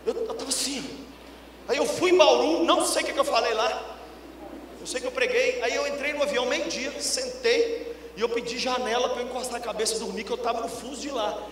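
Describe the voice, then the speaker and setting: A middle-aged man from Brazil, a pastor preaching a sermon through a long story, going from loud bursts to hushed lines. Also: very high voice, fairly quick, slight background noise. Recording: music and long reverb in a big hall.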